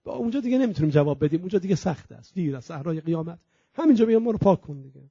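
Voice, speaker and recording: A high-pitched man delivers an impassioned sermon, swelling to loud proclaiming and dropping to a hush, and he stretches out recited Arabic phrases. The recording is dry and dull, with a lo-fi edge. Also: animated, breathy edge, no room sound. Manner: impassioned, swings between loud and hushed, slow drawn-out Arabic recitation. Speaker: preacher. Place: religious centre hall.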